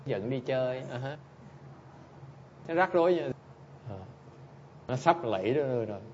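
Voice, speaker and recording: A man's voice: medium pitch, expressive, normal speed, darkish tone, muffled recording, slight background noise. Blunt teasing man giving a dharma talk. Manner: blunt, teasing, keeps prompting listeners with "Hả?". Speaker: Buddhist teacher answering audience questions.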